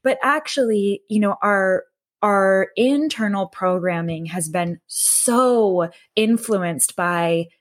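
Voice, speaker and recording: A woman's voice: mid-range voice, takes it slowly. A woman guest in a conversational interview, speaking reflectively with frequent fillers and restarts. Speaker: podcast guest, health coach.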